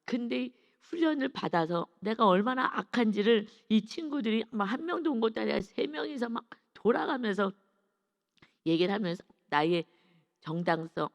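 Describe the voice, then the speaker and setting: Gravelly-voiced woman pastor preaching. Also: mid-range voice, long reverb tail. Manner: conversational preaching with acted quotes. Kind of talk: early-morning sermon.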